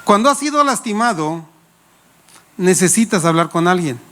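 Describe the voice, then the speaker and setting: A man's voice: high-pitched, lively intonation, normal speed, bright, forceful tone. A male pastor, preaching a sermon with playful anecdotes and questions to the congregation. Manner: playful, laughs while telling anecdotes.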